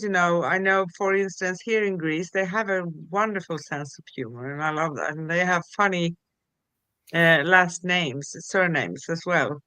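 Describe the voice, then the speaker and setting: A woman's voice: on the low side, pushed and bright, smooth, no echo, poor audio. A woman co-hosting a casual chat who tells stories and laughs often. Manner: giggly storyteller, laughs often. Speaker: co-host.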